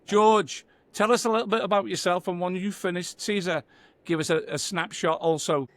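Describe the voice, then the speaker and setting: Man, podcast host, fairly high voice, hyped and enthusiastic. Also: steady tone, moderate pace, dry recording. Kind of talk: podcast interview hosting.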